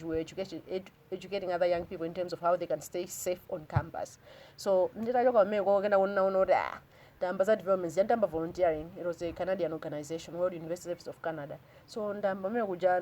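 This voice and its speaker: A woman's voice: fairly low pitch, darkish tone, a little hiss or hum. A woman in her thirties with a Malawian accent, talking earnestly and reflectively as an interview guest and switching languages mid-sentence. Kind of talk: casual interview conversation.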